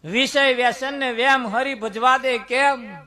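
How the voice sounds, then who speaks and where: A man's voice: extremely high pitch, steady tone, a little slow, bright, forceful tone. A man preaching a folksy moral sermon, telling stories and asking the crowd rhetorical questions. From Gujarat.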